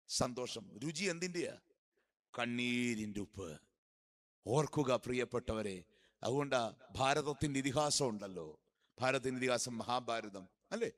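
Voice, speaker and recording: A male priest preaching a sermon, quizzing the congregation with questions he answers himself, swinging between loud emphatic peaks and quiet low asides.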